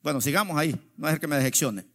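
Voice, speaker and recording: A man preaching a sermon as pastor, drawing out quoted verses slowly and swinging between loud exclamations and quiet asides. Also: fairly high pitch.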